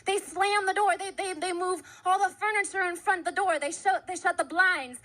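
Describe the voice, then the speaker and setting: Young female preacher, high and bright tone, conversational sermon with fervent build-ups. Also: fairly even intonation, a little fast, low-quality recording. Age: young adult. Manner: conversational, builds to impassioned repeated phrases. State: out of breath. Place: church.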